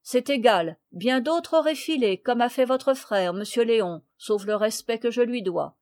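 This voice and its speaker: A woman reading the part of a gruff, loyal peasant servant who speaks bluntly and threatens a rude neighbour. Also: a little high, unhurried, a little mellow, dry recording, clean studio sound, close to an everyday voice.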